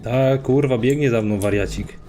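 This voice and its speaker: A man commentating his own gameplay, swearing a lot, excitable and talking to himself and his viewers. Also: medium pitch, moderate pace, a little hiss or hum. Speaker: let's play gamer.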